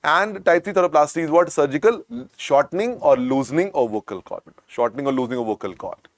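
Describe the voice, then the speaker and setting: A man with an Indian English accent lectures to medical exam students. He repeats every key point and keeps coaxing the class along. His voice sits a little high for a man and is recorded dry and close, with no room sound. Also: quick pace, no room sound. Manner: repetitive, coaxing, keeps adding "beta" to drill points.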